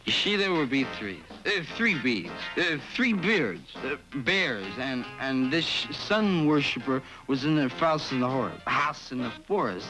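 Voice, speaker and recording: A man's voice: high voice, lively intonation, brisk, few pauses, poor audio. An actor playing a tipsy man in a 1960s film comedy, fumbling and mangling his words while under hypnosis. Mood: tongue-tied. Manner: tipsy, tongue-tied fumbling. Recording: old film soundtrack with music.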